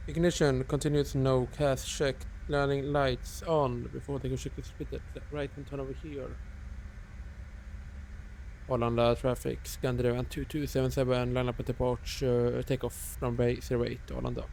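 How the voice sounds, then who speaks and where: A man's voice: mid-range voice, flat delivery, normal speed, gravelly, a little mellow, a little hiss or hum, poor audio. A man flying a flight simulator online, giving terse pilot-style cockpit callouts and checklist items.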